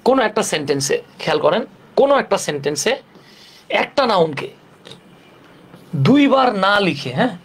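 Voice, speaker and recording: A man teaching English grammar in a casual, step-by-step way, asking rhetorical questions and joking in colloquial speech. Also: sits high. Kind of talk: casual classroom lesson.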